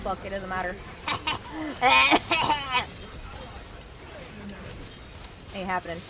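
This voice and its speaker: A woman streaming a video game live, commenting on her play with profane trash-talk aimed at opponents, swinging between low muttering and loud yelling. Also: animated, drawn-out words, noisy background. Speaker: Twitch streamer.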